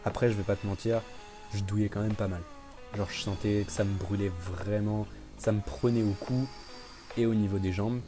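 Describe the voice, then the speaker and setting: A man's voice: lowish voice, fairly even intonation, normal speed. A man narrating his own experience in a casual, conversational voice-over. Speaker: vlogger. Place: voice-over recorded separately. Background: guitar music.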